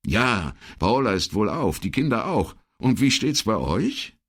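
Man voicing a middle-aged police commissioner, low, uneasy, halting, animated, audiobook. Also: exaggerated voice. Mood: tense.

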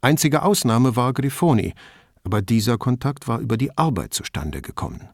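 A man narrating a novel as an audiobook reader, with an expressive, measured reading. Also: medium pitch, dry recording, studio quality. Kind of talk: scripted narration.

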